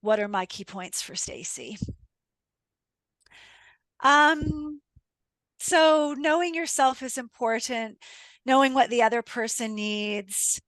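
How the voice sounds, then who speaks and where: A woman's voice: fairly high pitch, slow, pauses often, a bit bright, no echo. A middle-aged woman coach speaking reflectively to listeners, asking rhetorical questions and retelling client stories. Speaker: communication coach. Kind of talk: podcast talk with listeners.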